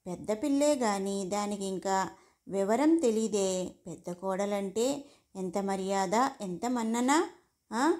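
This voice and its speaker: A woman voicing a strict old grandmother in a storybook reading, lecturing slowly and nagging. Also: medium pitch, a little mellow, natural voice. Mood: scolding.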